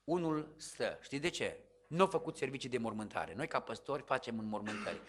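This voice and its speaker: A man from Romania preaching a dramatic sermon as pastor, swinging from hushed asides to loud exclamations. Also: mid-range voice, expressive, background noise.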